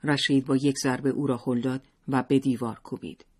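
A man narrating a story in a steady, measured storytelling manner. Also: mid-range voice, breathy edge.

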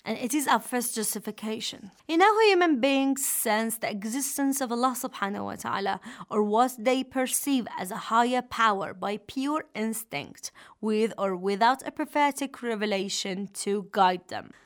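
A woman radio host speaks in a fairly high voice. She presents a religious talk formally, explaining as a teacher would. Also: normal speed. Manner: formal, didactic.

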